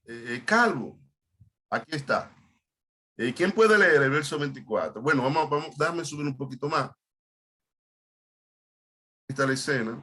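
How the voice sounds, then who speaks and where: Man, pastor, bright forceful voice, halting teaching style, repeats words. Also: medium pitch, animated. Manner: halting, repeats words, explains Hebrew terms. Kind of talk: online Bible study teaching.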